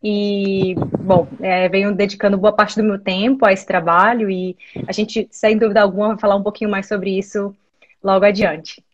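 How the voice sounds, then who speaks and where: A woman in her thirties from Maranhão, Brazil, speaks as a guest over a video call. Her answers are thoughtful and full of small fillers, and her pitch sits in a middle range. The call audio sounds dull and lo-fi. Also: flat delivery, moderate pace. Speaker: lawyer, guest. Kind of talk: conversational interview answers.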